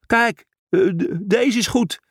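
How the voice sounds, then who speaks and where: Man as a dim, stammering young boar in a storybook, pitched up high, eager to show off. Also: slow pace, no echo, clean studio sound. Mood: eager, boastful. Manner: stammers and hesitates. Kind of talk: audiobook character voice.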